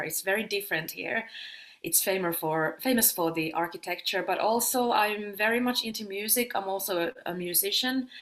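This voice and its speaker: A Finnish woman, likely in her thirties, works as a yoga teacher and sound healer and answers interview questions casually. She laughs often and pauses with fillers. Her voice is medium-pitched with a fairly bright tone.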